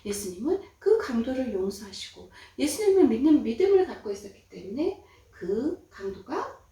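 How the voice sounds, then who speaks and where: A woman tells a Bible story to children as a Sunday school preacher, animated and full of dramatic emphasis. Her voice sits high and swings widely in pitch. It is captured from a distance in a very echoey church room. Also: normal speed.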